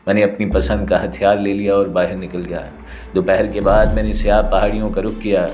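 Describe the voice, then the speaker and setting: Low-voiced male audio-novel narrator. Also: little pitch movement, a little mellow.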